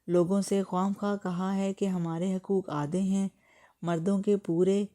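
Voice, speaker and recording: A woman's voice: mid-range voice, steady tone, dark tone, close to an everyday voice. A woman voicing an angry, defiant young female student who argues hard, in a storybook reading. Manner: defiant, argumentative.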